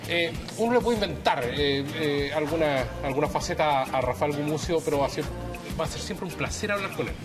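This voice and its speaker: A man's voice: a little high, lively intonation, brisk, music in the background. A man hosting a late-night TV talk show, asking teasing, provocative questions with lots of fillers.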